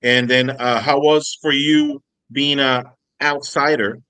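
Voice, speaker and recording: A man from Brazil, a native Portuguese speaker, hosting an interview and translating questions, halting and full of fillers. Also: medium pitch, steady tone, sharp tone, clean tone, no room sound. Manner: halting, many fillers and restarts.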